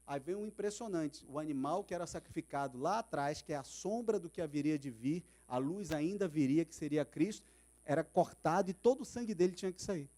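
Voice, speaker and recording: A man's voice: a little high, lively intonation, fairly quick, warm tone. A man with a Brazilian Portuguese accent, preaching a sermon as pastor at a church service, telling stories dramatically. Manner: dramatic storytelling, acting out quoted voices.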